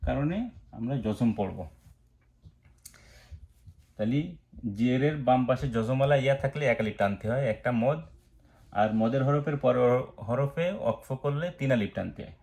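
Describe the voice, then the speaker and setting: Slow gravelly Bangladeshi recitation teacher. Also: male voice, mid-range voice, a little mellow. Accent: Bangladeshi Bengali. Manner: spells out letters and marks, then chants slowly. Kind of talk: slow step-by-step recitation lesson.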